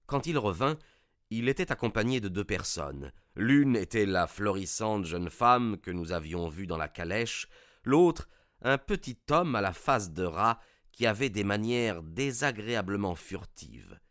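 Casting note: male audiobook narrator, deep-ish, measured suspense, dry close sound. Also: expressive, a bit bright, no echo. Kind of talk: scripted narration of a detective story.

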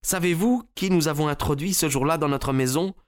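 A man voicing a distressed young gentleman in an audiobook, speaking higher and urgently. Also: a little fast, natural voice.

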